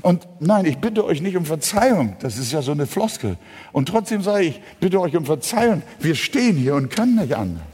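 A male pastor preaching a sermon in a church, with emphatic delivery that swells into loud, passionate stretches, and direct questions to the congregation. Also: a little high, sing-song, brisk, breathy edge. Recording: long church hall reverb.

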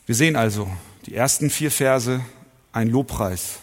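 Male preacher, husky mid-range voice, emphatic sermon delivery with loud and soft swings, church hall reverb. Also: mid-range voice, unhurried. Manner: emphatic, asks rhetorical questions and swings between loud and soft.

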